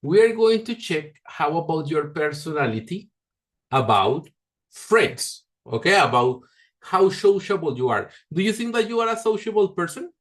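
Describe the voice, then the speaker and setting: A man's voice: on the high side, very animated, moderate pace. A man teaching an online English class over a video call, patient and encouraging, often stopping to correct pronunciation.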